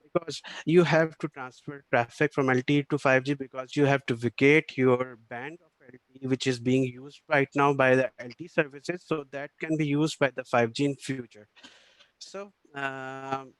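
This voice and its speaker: A man speaking at an online conference, hesitant and pausing often with fillers. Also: mid-range voice, steady tone, no echo, rough recording.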